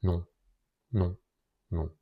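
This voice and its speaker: A man's voice: low voice, flat delivery, extremely slow, husky, phone-quality sound, heavily acted. A man voicing a distressed young woman who pleads hesitantly and trembles with anguish. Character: distressed young woman, an anxious rich cousin.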